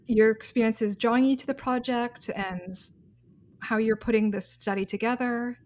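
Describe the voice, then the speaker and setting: A woman's voice: on the high side, fairly even intonation, normal speed, darkish tone. A woman hosting an interview in an enthusiastic, chatty way. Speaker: interview host. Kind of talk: casual interview conversation.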